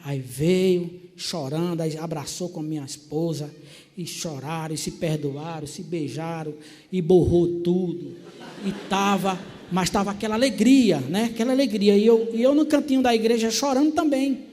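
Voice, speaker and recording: Man, church testimony, animated storyteller, long church reverb. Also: sits high, moderate pace. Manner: animated storytelling, acting out family members' voices. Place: church filled with people.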